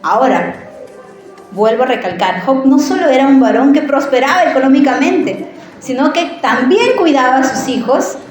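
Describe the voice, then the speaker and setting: A high-voiced woman preaches in church at a moderate pace, her words carrying heavy reverb. She recounts a personal story in a lively, conversational manner and frequently asks her audience questions.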